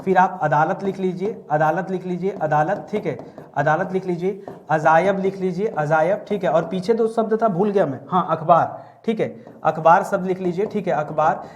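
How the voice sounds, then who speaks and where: A man teaching a Hindi grammar class online, lively and joking, drilling words by repetition. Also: high-pitched, normal speed, highs cut off.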